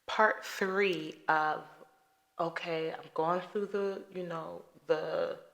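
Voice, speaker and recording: A woman's voice: lowish voice, fairly even intonation, takes it slowly, creaky, fairly bright tone. A woman hosting a solo podcast, talking to the listener in a direct, conversational way with rhetorical questions and everyday examples. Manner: preachy, conversational, talks through examples. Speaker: podcast host.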